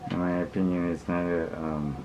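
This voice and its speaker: In this clip a vlogger addresses viewers with a casual monologue of opinions, his low voice staying monotone throughout. He uses blunt street slang and drifts around the point, pausing haltingly, repeating himself and backtracking often. Background ambience is clearly audible behind him.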